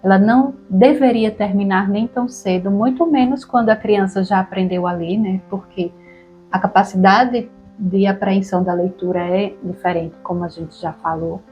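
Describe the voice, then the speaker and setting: A woman with a Brazilian Portuguese accent co-hosting a relaxed conversation about reading aloud to children, often tagging her sentences with questions. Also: mid-range voice, moderate pace, highs cut off, soft background music. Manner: relaxed, chatty, frequent tag questions. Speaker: podcast co-host.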